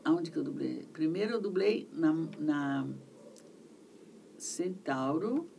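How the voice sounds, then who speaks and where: A middle-aged woman with a Brazilian accent, a voice actress chatting in an interview, telling stories in an animated way and repeating herself for emphasis. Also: deep voice, slow pace, vocal fry. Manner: animated, repetitive storytelling. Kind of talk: casual interview chat. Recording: distant mic, faint background noise.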